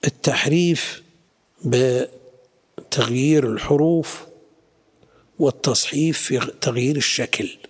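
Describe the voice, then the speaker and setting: A man's voice: mid-range voice, slow, pauses often, breathy edge. A middle-aged man, a sheikh explaining a classical text to students and questioning them.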